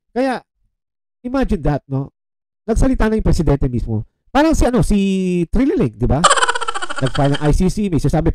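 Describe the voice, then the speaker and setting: In a casual political commentary vlog, a man with a somewhat high voice talks straight to viewers, animatedly switching between Tagalog and English and calling them "mga chong." The recording has no echo and is low in quality.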